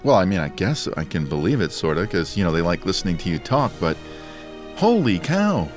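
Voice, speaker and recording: This man's deep voice moves briskly with big pitch swings, its texture scratchy and dry from allergies. Co-hosting a podcast in easygoing chat, he jokes playfully and laughs often, with soft background music behind him.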